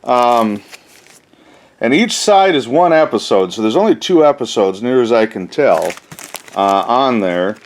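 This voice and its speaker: This host of an unscripted collector's haul video talks a little slowly in an animated, mid-range voice. He rambles and thinks out loud with folksy turns of phrase, treating it as casual show-and-tell.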